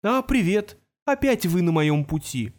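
A man voicing an ancient, gloomy male robot in an audiobook, with a creaky, grating voice and a slow, moaning, self-pitying drawl. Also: high-pitched, very animated. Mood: mournful. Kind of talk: audiobook character voice.

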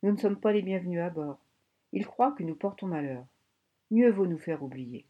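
A woman's voice: fairly low pitch, moderate pace, narrow, tinny audio, close to an everyday voice. A woman reading a wary young castaway. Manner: hushed, wary.

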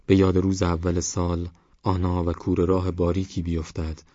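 A man narrating a literary audiobook in a calm, measured reading voice. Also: sits low, no room sound, dull audio.

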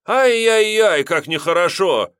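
A man's voice: high-pitched, expressive, unhurried, fairly bright tone, smooth, no echo, voice pushed up. A slippery career pickpocket, as a male narrator plays him, feigns wide-eyed innocence in a raised, wheedling voice. He answers with mocking, theatrical outrage. The sound is close and dry. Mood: sarcastic, indignant. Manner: mock-innocent, sarcastic, wheedling.

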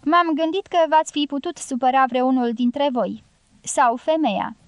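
A woman reading the part of a reserved male fighter who answers in short, measured lines. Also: high voice, no echo, lightly acted. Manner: measured, terse replies.

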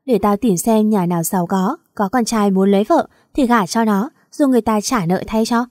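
A woman reading the part of a meddling, sharp-tongued middle-aged aunt with a harsh, pushy way of talking. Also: mid-range voice, brisk, no echo, studio quality, natural voice.

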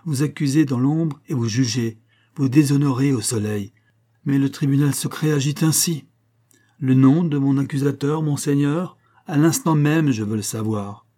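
Man doing a dignified young queen, raised pitch, firm, commanding, audiobook. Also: moderate pace, mellow, close to an everyday voice. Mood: indignant. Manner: firm, indignant, demanding.

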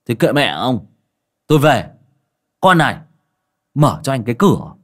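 A man's voice: medium pitch, big pitch swings, normal speed, fairly bright tone. A man voicing a drunk young master who slurs and barks orders. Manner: slurred, bossy.

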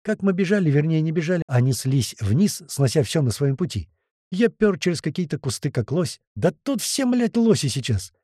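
A man narrating a first-person audiobook with vivid, lively storytelling. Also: fairly high pitch, normal speed, no echo, clean studio sound.

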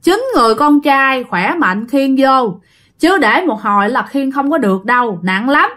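A woman's voice: high voice, expressive, normal speed, a bit bright. A woman voicing an old male village shaman who gives grave, insistent warnings. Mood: commanding.

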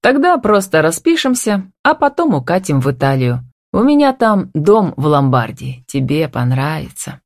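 A woman's voice: sits low, sing-song, normal speed, hardly any pauses, no room sound. A woman reading an audiobook and voicing a confident, wealthy businessman who teases and gives orders in a drawling, playful way, recorded dry and close.

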